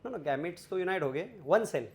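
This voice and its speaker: A man with an Indian accent teaching biology to a class, coaxing students to answer and repeating his words in quick Hindi-English. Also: a little high, expressive. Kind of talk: classroom lecture quizzing students.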